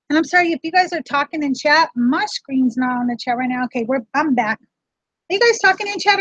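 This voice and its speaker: A woman's voice: sits high, fairly bright tone, no room sound. A woman hosting a casual livestream tutorial, chatting straight to her viewers as she explains things. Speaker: reseller vlog host. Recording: dull lo-fi dry sound.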